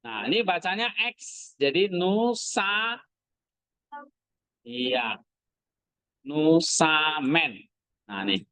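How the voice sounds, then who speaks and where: A man's voice: fairly high pitch, expressive, very slow, long pauses, pushed and bright, no echo, low-quality recording. A man teaching a class, asking his students short questions as he goes. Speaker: Greek language teacher. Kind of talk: classroom lesson.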